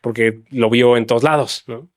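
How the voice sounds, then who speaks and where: Man as guest linguist, mid-pitched, measured and explanatory, dry sound. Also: steady tone, no room sound. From Mexico. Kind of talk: casual chat.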